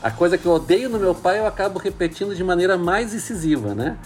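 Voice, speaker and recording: A man's voice: high-pitched, animated, quick pace, slight background noise. A man, a priest speaking in a thoughtful, hesitant way with many fillers. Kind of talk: casual reflective talk.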